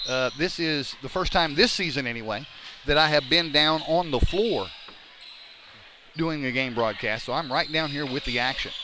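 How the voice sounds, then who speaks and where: Over clear gym noise and a bouncing ball, a man calls live basketball play-by-play from courtside. His voice sits high, and he sounds slightly winded. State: a little out of breath. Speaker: play-by-play sports commentator. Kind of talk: live basketball radio-style commentary. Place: courtside in a school gym during a game. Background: basketball bouncing and game noise.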